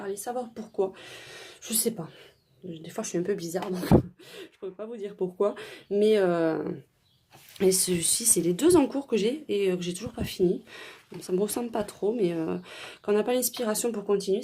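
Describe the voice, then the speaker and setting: A woman's voice: mid-range voice, warm tone, slight background noise. A woman vlogger chatting casually as she shows her coloring books, with many fillers and restarts. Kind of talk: casual show-and-tell chat.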